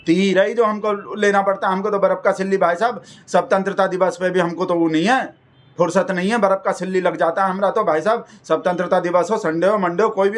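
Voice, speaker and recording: A man delivering a rambling, folksy satirical comedy monologue. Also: high-pitched. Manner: folksy, rambling, keeps addressing the listener as brother. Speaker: comic persona host.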